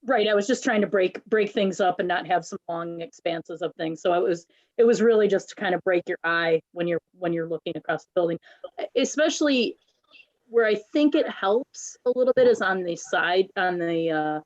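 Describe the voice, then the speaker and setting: A woman answers questions at a public planning meeting, pausing often and restarting her sentences. Her voice sits on the low side. The audio is muffled and lo-fi, as over a video call. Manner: halting, many ums and restarts. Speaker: applicant presenting a site plan.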